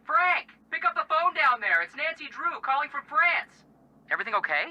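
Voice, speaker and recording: A man voicing a goofy, excitable young man detective in a mystery game. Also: extremely high pitch, normal speed, lo-fi sound, heavily acted. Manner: joking, excitable.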